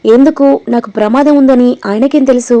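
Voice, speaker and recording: A woman's voice: a little high, moderate pace, warm tone, close to an everyday voice. A woman voicing an earnest, grateful young man in a storybook reading.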